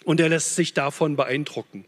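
An impassioned male preacher delivering a sermon, rising to loud, urgent peaks and dropping to hushed, low phrases. His voice sits a little high for a man. Long reverb trails every line in a large church hall. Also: fairly even intonation, moderate pace.

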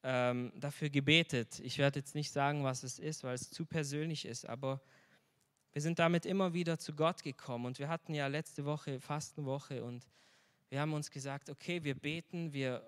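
A man's voice: a little high, a bit bright. A man preaching a sermon in a church hall, sharing a personal testimony in an earnest tone and asking the congregation questions. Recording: long reverb of a large hall.

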